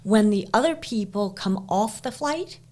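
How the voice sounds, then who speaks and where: A woman's voice: mid-range voice, lively intonation, unhurried, a little mellow. A woman co-hosting a podcast in casual chat, chatty and sarcastic, with lots of fillers. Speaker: podcast co-host.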